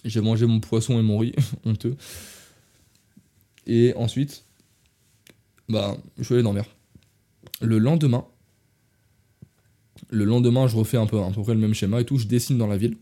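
Low-pitched and mellow, a young man from France speaks at a normal pace with a steady tone, pausing often. He tells rambling travel stories on an informal podcast, frequently correcting and restarting himself while talking directly to listeners as "les gars."

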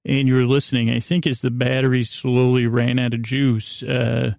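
In this sleep podcast, the male host drifts through a soft, calming bedtime monologue, halting often and trailing off into asides. He has a medium-pitched, creaky voice and a flat delivery. The recording is studio quality with no echo.

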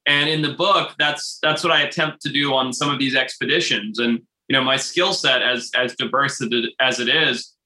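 A man from Zimbabwe, a wildlife biologist, telling stories in an interview with animated energy and frequent laughs. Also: medium pitch, moderate pace, hardly any pauses, roomy sound, rough recording. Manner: animated storytelling, laughs often. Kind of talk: interview conversation.

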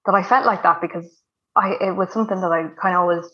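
A woman's voice: on the low side, fairly even intonation, fast talker, lo-fi sound. A woman with a west of Ireland accent telling her own story casually as an interview guest, chatty and emphatic, repeating words to stress them.

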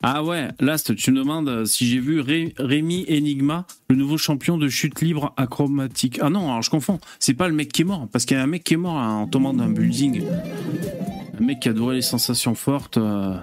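A man's voice: medium pitch, a little fast, a little mellow, soft background music. A man hosting a casual live stream, chatting with viewers in a loose, hesitant way with lots of fillers and curse words. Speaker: host.

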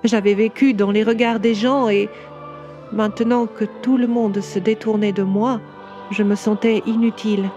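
A woman voicing an ancient, proud and gentle female cathedral that tells its own story in a tender, confiding way, for a storybook audio drama. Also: mid-range voice, steady tone, normal speed, lo-fi sound, faint music behind, natural voice. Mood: wistful.

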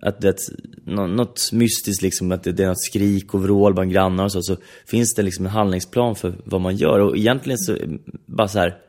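A man's voice: deep voice, fairly even intonation, hardly any pauses, darkish tone. A man in casual chat, telling long stories with many restarts and filler phrases.

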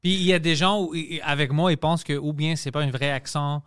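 A man's voice: a little high, steady tone, a little fast, fairly bright tone, clean tone, no room sound, studio quality. A man speaking French with a Greek accent, a comedian hosting a casual podcast chat and slipping into English mid-sentence.

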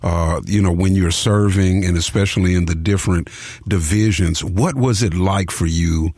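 A man's voice: sits low, moderate pace, darkish tone, no echo. A man co-hosting a radio show, asking a guest questions in an enthusiastic, admiring way. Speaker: radio co-host. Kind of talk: radio interview.

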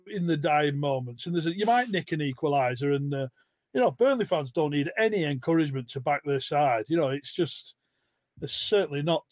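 A man on a football fan podcast panel, talking casually with lots of restarts and quick laughs. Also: on the high side, dry recording. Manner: rambling with many restarts, laughs often.

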